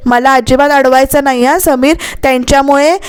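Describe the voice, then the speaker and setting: Woman voicing an angry young wife, high pitch, accusing, shouting. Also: fairly even intonation, close to an everyday voice. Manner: furious, accusing, rapid outbursts.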